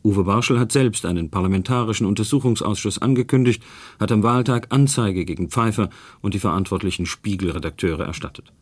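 A man's voice: lowish voice, fairly quick, breathy edge, no room sound. A male news correspondent delivering a formal scripted report in a dry archival radio recording.

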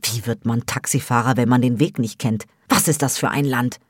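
Eine Frau, die eine erschöpfte, verbitterte ältere Schwester spricht, gepresst und schimpfend. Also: female voice, very deep voice, moderate pace, husky, no echo, clean studio sound, pitched below the performer's own voice. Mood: bitter ranting. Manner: bitter, pressed. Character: angry exhausted woman, older sister.

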